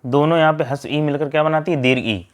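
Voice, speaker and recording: A man teaching a grammar lesson, reading out word pairs and splitting each one in a steady drill. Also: fairly high pitch, fast.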